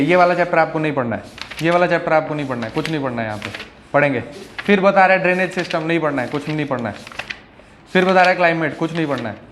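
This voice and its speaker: A man's voice: fairly high pitch, a bit bright, slight background noise. A male teacher giving a classroom lecture in a conversational way, often checking in with his students.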